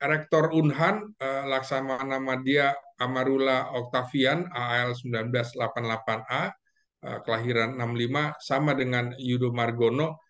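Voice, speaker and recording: A man who is a guest analyst in a casual discussion, going through names and facts methodically, with many pauses and fillers. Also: mid-range voice, fairly even intonation, fairly bright tone.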